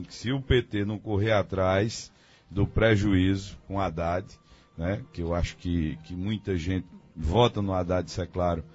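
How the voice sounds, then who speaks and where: This man speaks in a very low, husky voice, pausing and restarting as he weighs his views on a radio talk show. The sound is dull and lo-fi, with faint music underneath. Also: darkish tone. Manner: hesitant, thinking aloud with many fillers. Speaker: guest commentator. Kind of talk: radio debate analysis.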